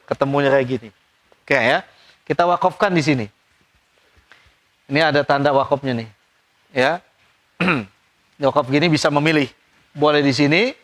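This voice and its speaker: A man teaching Quran recitation rules, explaining quickly and chanting examples slowly and drawn out. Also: a little high, a bit bright. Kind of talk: tajwid lesson with recited examples.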